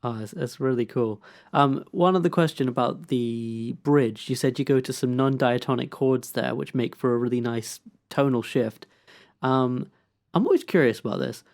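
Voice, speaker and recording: A man co-hosting a songwriting podcast, asking curious, detailed questions in a relaxed, playful chat. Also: mid-range voice, normal speed, vocal fry. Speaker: podcast co-host. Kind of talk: casual chat about songwriting.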